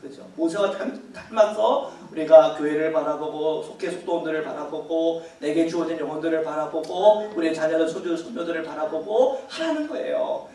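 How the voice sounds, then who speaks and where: A man's voice: on the high side, normal speed, hardly any pauses, mellow, heavy reverb, far from the mic, a little hiss or hum. A man preaching as pastor at a Bible study, talking casually with the congregation, asking them questions and laughing often. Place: church hall.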